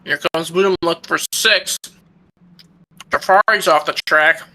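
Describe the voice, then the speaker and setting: A man's voice: fairly high pitch, measured pace, pushed and bright, low-quality recording. A man co-commentating on a live motor race in an informal, conversational way. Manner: informal, conversational, joking asides.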